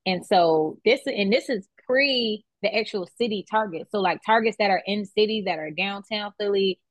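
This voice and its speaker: A woman's voice: mid-range voice, moderate pace, no echo, rough recording. A woman in her twenties, a beauty business founder, talking casually as a guest and tagging her points with "like" and "right?". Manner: conversational, many "like" and "right?" tags. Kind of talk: casual interview chat.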